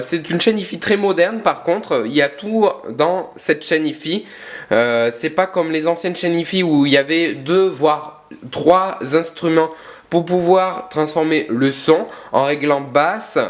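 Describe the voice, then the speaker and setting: A young man presenting his own vlog casually, hesitant, with many fillers and self-corrections. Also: on the high side. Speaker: vlogger.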